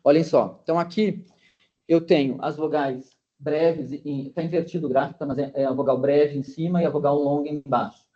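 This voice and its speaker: Male researcher, seminar talk, mellow voice on the higher side, dull lo-fi call audio. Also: fairly even intonation, normal speed. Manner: explanatory, with many hesitations and restarts. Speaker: linguistics researcher presenting. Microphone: video call. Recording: dull lo-fi meeting recording.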